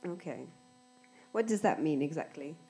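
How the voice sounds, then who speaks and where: A woman hosts a podcast in a conversational interviewing style. Her voice is soft-edged and dark in tone, set a little low. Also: expressive, moderate pace, slightly rough, soft background music. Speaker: podcast host and English tutor.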